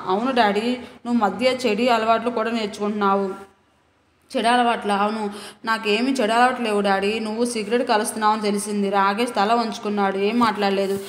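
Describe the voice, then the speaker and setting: A woman's voice: mid-range voice, long reverb tail, slight background noise. A woman reading a novel aloud, voicing all the dialogue in her own voice with small restarts. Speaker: novel reader.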